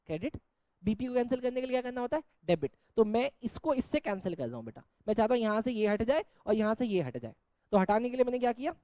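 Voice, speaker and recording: A man's voice: very high-pitched, warm tone, dry recording. A man teaching an accounts class, jokingly scolding and teasing his students while he explains. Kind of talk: Hindi-English accounts lecture.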